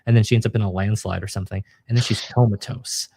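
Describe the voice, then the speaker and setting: Low-voiced man chatting on a podcast. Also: steady tone, fast talker, vocal fry, warm tone, husky, no room sound, clean studio sound. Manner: enthusiastic, acts out characters' lines. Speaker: podcast co-host. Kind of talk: casual manga discussion.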